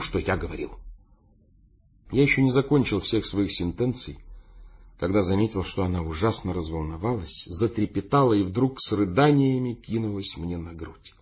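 Мужчина читает аудиокнигу от первого лица, живо и выразительно. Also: male voice, fairly low pitch, a little mellow, husky, muffled recording. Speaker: audiobook narrator. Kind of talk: first-person audiobook narration.

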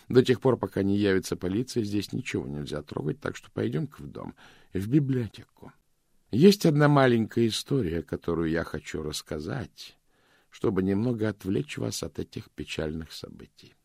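A man reading the part of a calm, shrewd middle-aged detective in an audiobook, measured and softly spoken. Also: on the low side, gravelly, husky, no room sound, studio quality, full character voice.

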